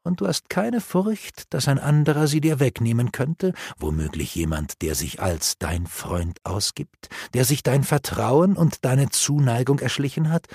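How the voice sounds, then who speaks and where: A man's voice: mid-range voice, expressive, measured pace, gravelly, hardly any pauses, a little mellow, husky, no echo, clean studio sound, pitched above the performer's own voice, exaggerated voice. A man voicing a cunning, scornful elf sorceress in an audiobook, speaking in a mocking, coaxing way. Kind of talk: audiobook reading.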